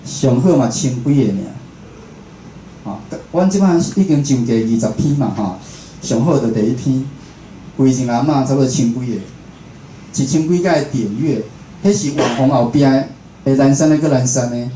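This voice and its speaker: Speaking at a normal pace with a warm, mid-range voice, a Taiwanese man who hosts radio delivers a casual, chatty lecture before a live audience indoors. The recording carries room echo and noticeable background noise.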